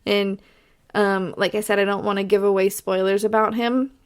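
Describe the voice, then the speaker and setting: A woman's voice: medium pitch, little pitch movement, moderate pace, clean tone. Chatty Texan woman podcaster. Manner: chatty, rambling, lots of fillers. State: has the hiccups. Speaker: podcast host. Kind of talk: casual solo podcast review.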